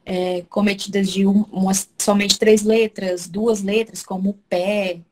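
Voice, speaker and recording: A woman's voice: medium pitch, level tone, a little slow. A woman teaching Portuguese in an online class, explaining step by step and checking in often with her students.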